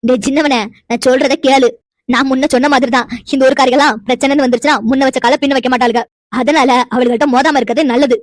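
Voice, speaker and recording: A woman voicing a bossy, teasing old village grandmother in a cartoon, who scolds her grandsons quickly and bluntly. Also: high-pitched, steady tone, no echo, clean studio sound, close to an everyday voice. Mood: warning. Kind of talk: cartoon voice acting.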